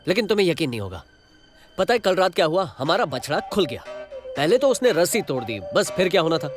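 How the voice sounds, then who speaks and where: A man's voice: high-pitched, very animated, quick pace. An actor playing a boastful young village man spinning a comic tall tale. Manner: comic, exaggerating. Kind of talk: film dialogue. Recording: film audio with music underneath.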